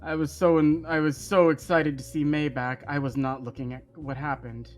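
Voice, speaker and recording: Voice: mid-range voice, level tone, normal speed, soft background music, close to an everyday voice. A game master voicing an easygoing man who breezily plays innocent in a tabletop game. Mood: feigned innocence.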